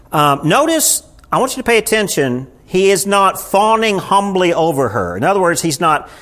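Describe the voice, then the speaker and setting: A man with a somewhat high, slightly bright voice leads a small Bible study in a church room. He's a pastor giving a conversational sermon, and he keeps throwing rhetorical questions at the group.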